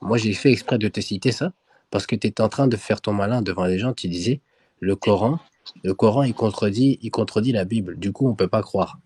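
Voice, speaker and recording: A man with a low, husky voice debates religion in a heated online voice room. He presses his points insistently and repeats his demands again and again. His sound is dry and close, with no room echo. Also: brisk, a little mellow. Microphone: own microphone in an online voice room.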